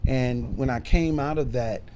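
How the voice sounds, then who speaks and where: Unhurried and warm, the middle-aged man's mid-range voice comes with a little hiss or hum in the recording. A bishop and minister born in Chicago and raised in Detroit, he shares his life story in a casual podcast interview full of fillers.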